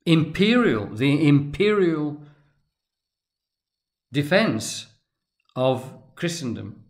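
Man giving a halting, deliberate lecture. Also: on the high side, sing-song. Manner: deliberate, halting, with restarts and emphatic pauses. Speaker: tarot and religion commentator. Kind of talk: unscripted lecture.

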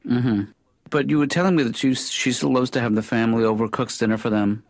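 A man voicing a mild-mannered, hesitant therapist in an animated sitcom. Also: medium pitch, fairly quick, no room sound, lightly acted. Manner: soft-spoken, mild, hesitant.

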